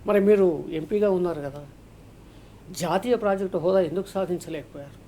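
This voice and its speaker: A man's voice: sits high, brisk, warm tone. A man arguing his point as a political commentator on a televised debate, emphatic and argumentative, stopping now and then to tell a parable. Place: TV news studio or remote link.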